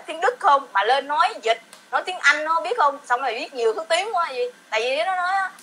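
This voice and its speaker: A bright, forceful, high female voice carries a heated casual rant over slight background noise. She is a vlogger in her forties with a Southern Vietnamese accent, rambling and repeating herself between bursts of laughter.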